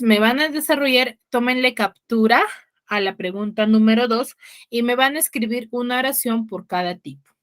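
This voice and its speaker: A woman's voice: mid-range voice, a bit bright. A woman teacher giving an online class over a video call, explaining patiently and often checking in with her students.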